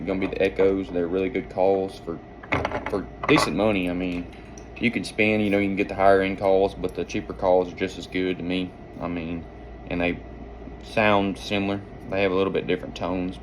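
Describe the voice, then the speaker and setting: A man's voice: low-pitched, a little mellow, a little hiss or hum. A man giving an informal hands-on lesson as a hunting instructor, explaining in a folksy, rambling way. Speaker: duck-calling instructor and hunter.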